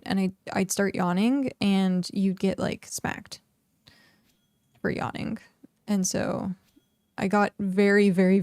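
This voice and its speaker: Speaking with a medium-pitched, creaky, slightly mellow voice, a young woman rambles through casual live-stream chat as she games, filling it with "like." The recording is studio quality and free of echo.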